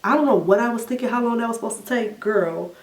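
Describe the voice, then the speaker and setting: A young woman vlogger telling a story in a casual question-and-answer chat, animated and laughing often, acting out her own reactions in a higher voice. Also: quick pace, recorded from a distance. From United States. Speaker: beauty vlogger. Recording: echoey room, a bit off mic.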